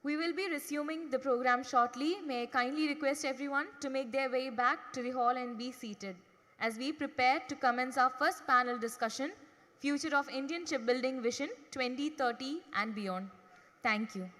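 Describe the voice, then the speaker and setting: A woman making a polite, measured announcement over the public address system of a large conference hall. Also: high-pitched. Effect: announcement over a hall loudspeaker. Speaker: event announcer.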